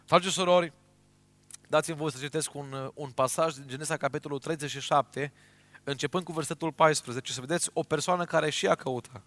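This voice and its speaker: Emphatic high-voiced male preacher. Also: no echo. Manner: emphatic, with sudden swings between loud and quiet and frequent rhetorical tags. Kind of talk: sermon. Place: church.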